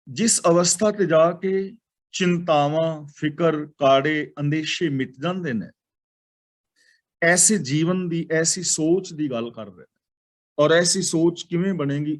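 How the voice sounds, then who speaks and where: A man teaching the meaning of devotional verses, chanting each line slowly and then explaining it word by word in measured prayer phrases. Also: fairly high pitch. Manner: repeats phrases in measured, pleading prayer lines. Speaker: Sikh scripture teacher.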